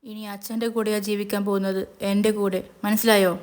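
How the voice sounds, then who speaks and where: A woman's voice: medium pitch, little pitch movement, normal speed, a little mellow, lightly acted. A woman voicing a domineering, threatening man in a spoken serial recap. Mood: commanding.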